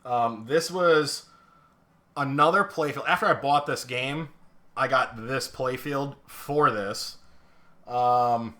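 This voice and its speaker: Slow and sharp-toned, with a medium pitch, a pinball restorer livestreams a teardown and holds the playfield close to the camera. His casual chatter meanders, thick with fillers and false starts, and he keeps putting himself down.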